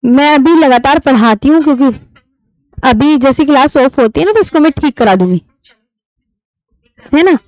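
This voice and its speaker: A woman teaching a live online class, patiently repeating key terms slowly for her students. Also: high voice, animated, a little mellow, dry recording. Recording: dull lo-fi stream audio.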